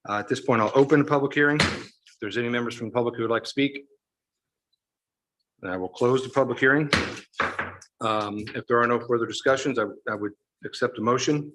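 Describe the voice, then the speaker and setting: Man, council chair, runs through votes at auctioneer speed; bright tone, light room noise. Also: mid-range voice, rough recording. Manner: rapid procedural motions and vote calls. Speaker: council president chairing a meeting. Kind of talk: chairing a town council meeting.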